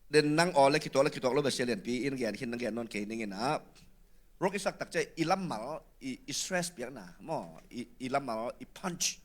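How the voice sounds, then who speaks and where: A man talking through feedback on a singing performance, with coughs and quick laughs along the way. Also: medium pitch, animated.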